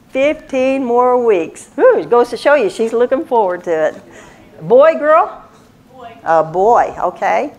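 An older woman giving a folksy sermon, telling family stories and laughing often. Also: a little high. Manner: folksy storytelling with frequent laughs. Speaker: church speaker.

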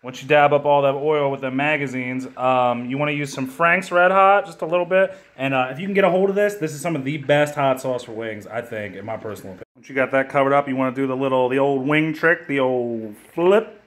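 A hungover guy in his twenties films a comedy cooking video in his home kitchen, phone held at arm's length, cracking crude deadpan jokes and swearing freely. His voice is medium in pitch and his pace is brisk.

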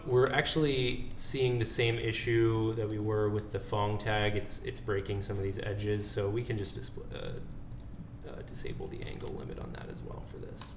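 A man with a lowish voice presents a casual screen-recorded software tutorial, thinking aloud informally as he works. The recording is noticeably echoey and noisy, with keyboard typing audible in the background.

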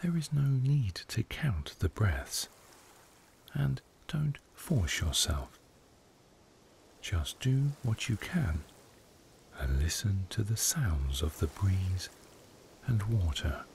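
A man guiding a meditation, speaking softly in a hushed voice that often drops to a whisper. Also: on the low side, sing-song, slow pace, vocal fry, long pauses, a little hiss or hum. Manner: soft, hushed delivery, often slipping into a whisper. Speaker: meditation guide. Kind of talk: guided meditation narration.

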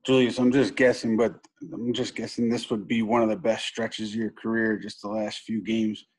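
A man's voice: lowish voice, flat delivery, moderate pace, breathy edge, poor audio. A male reporter asking questions over a video call with a tentative lead-in. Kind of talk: press conference question.

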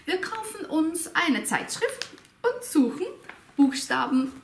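A woman hosting an educational video, explaining with a playful, expressive manner and asking viewers rhetorical questions. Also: high-pitched, slow, gravelly, a little hiss or hum. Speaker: language teacher and video host. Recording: echoey room, faint music behind.

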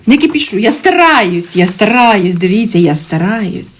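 A woman in her thirties chatting casually on a phone live stream while she draws, ranting and swearing, her pitch jumping up when she gets worked up. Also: big pitch swings, normal speed. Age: 30s. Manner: swears constantly, exasperated rants with sudden high-pitched outbursts. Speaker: TikTok livestream host. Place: indoors at home. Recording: faint background noise and clicks.

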